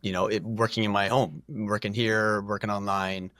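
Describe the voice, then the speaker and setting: A man's voice: on the low side, flat delivery, moderate pace, a bit bright, no echo, clean studio sound. A middle-aged man talking as a podcast guest, rambling and self-deprecating, with frequent restarts and laughs. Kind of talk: casual podcast conversation.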